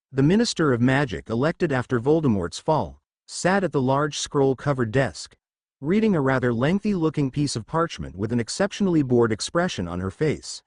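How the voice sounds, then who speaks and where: Man, story narrator, expressive reading, animated pitch, dry close recording. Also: no echo.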